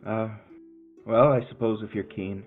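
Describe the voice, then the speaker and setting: Man playing a worried innkeeper, stammering, rustic, gravelly, low-ish, tinny phone-line sound. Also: fairly even intonation, unhurried, faint music behind. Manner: hesitant, stammering, rustic grammar. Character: worried, humble male innkeeper, a father.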